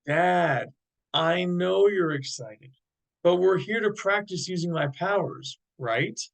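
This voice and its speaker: A man's voice: high voice, slow, creaky, heavily acted. Superpowered son, eager and reassuring , read by a man. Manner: reassuring, coaxing.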